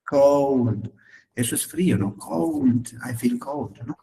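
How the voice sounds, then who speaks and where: A man's voice: medium pitch, lively intonation, brisk, mellow, recorded from a distance, a little hiss or hum, low-quality recording. A man teaching an English class in Spanish, patiently repeating words and checking understanding. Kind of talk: online class, explaining in Spanish.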